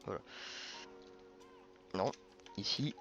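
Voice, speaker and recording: A man's voice: very slow, lo-fi sound, music in the background. A man hosting a programming tutorial, thinking aloud informally with many fillers and self-corrections. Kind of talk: casual coding screencast narration.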